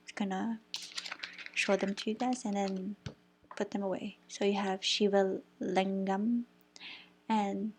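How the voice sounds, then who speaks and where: A young woman giving a casual tarot reading, chatting as she shuffles, thinking aloud and sometimes dropping to a whisper. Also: medium pitch. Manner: chatty, thinks aloud, stumbles over crystal names, some whispered words. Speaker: tarot reader.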